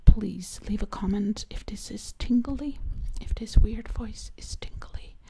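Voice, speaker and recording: A woman voicing a gentle undead princess from the 1920s in a whispered role-play, repeating words slowly in a breathy whisper. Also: mid-range voice, lightly acted. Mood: soothing, slow. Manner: slow repetitive word repeating. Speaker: ASMR creator.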